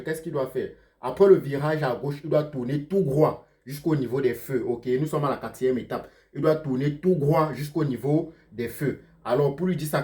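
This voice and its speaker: A man's voice: mid-range voice, a little mellow. Man teaching, "ok?" after every phrase. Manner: slows down sharply to spell out German words. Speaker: German teacher. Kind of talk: explaining lesson to learners.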